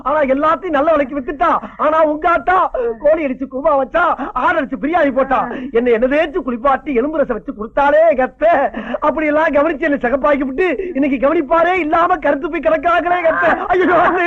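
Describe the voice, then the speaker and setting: Comic role: greedy son-in-law, very high and quick, wailing, phone-thin old film track. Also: male voice. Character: greedy scheming son-in-law, loud whiny man. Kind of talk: Tamil film comedy acting. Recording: lo-fi film audio like a phone line.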